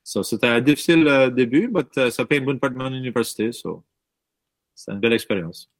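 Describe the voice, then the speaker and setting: A man in his thirties from Baie Sainte-Marie, Nova Scotia, speaks Acadian French at a quick pace and medium pitch, dropping English words into his French. He's a musician guest in a casual interview, telling stories in a lively way. The recording is dry.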